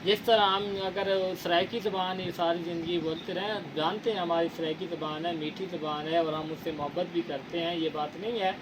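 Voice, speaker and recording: With a voice on the high side, steady in tone, he moves briskly with few pauses while the background stays noisy. The man, a channel host from Punjab, Pakistan, runs a casual interview in an earnest, lecturing manner full of formal words and fillers.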